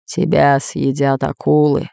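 A woman voicing the spirit of a dead male pirate, answering in a low, hushed, slow voice. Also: little pitch movement, vocal fry, smooth, no echo, clean studio sound, full character voice. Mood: eerie. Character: ghostly male pirate spirit, grim and terse.

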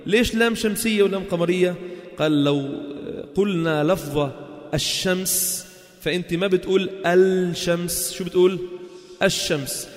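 High-voiced Levantine man teaching in a hall. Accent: Levantine Arabic. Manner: asks the listeners quick check questions and answers them himself. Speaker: religion teacher. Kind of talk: explaining a lesson in casual dialect.

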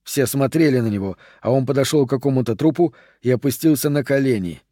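A man narrating an audiobook thriller in a measured, even reading. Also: mid-range voice, no echo, studio quality.

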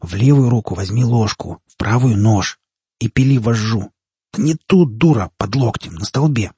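Man doing a hissing scheming prisoner, quiet, husky, dark. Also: mid-range voice, expressive, normal speed, no echo. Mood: urgent hiss. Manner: hissed, barely moving lips, urgent.

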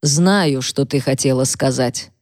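A woman's voice: a bass voice, a little mellow, dry recording, studio quality, voice pushed down. A woman voicing an irritated, self-important husband who talks down with sarcasm. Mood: condescending. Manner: condescending, sarcastic, slow.

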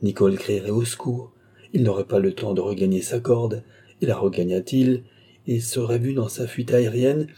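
A man reading an audiobook of a classic novel in a measured, even narration. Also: mid-range voice, slightly rough. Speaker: audiobook reader. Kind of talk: scripted narration.

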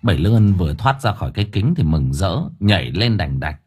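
A man narrating a ghost story audiobook in a vivid, expressive way. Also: low-pitched, a little fast, husky, soft background music.

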